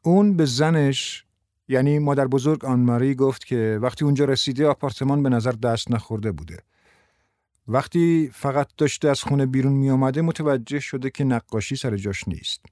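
A man voicing a patient male investigator in an audiobook, explaining things in a calm, measured way. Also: medium pitch, dry recording, studio quality, lightly acted. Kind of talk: audiobook character voice.

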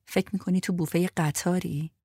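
A woman's voice: on the low side, breathy edge, no room sound, clean studio sound. Woman doing a world-weary, bitter Frenchman. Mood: dry. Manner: flat, world-weary, sarcastic. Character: weary, bitter shaven-headed Frenchman, a fellow prisoner. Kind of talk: audiobook character voice.

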